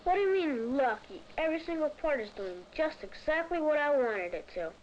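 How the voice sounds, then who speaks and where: A stubborn, boastful young child voiced by a woman speaks in a vintage educational film. The voice is high and very animated, with a matter-of-fact, defensive edge. The soundtrack sounds dull and old. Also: brisk, a little hiss or hum. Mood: proud. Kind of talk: scripted educational film dialogue.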